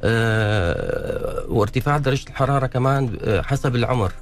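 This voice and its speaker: A man with a Levantine Syrian accent answering radio interview questions as a doctor, halting and repeating words as he explains. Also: mid-range voice, soft background music. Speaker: pediatrician, studio guest.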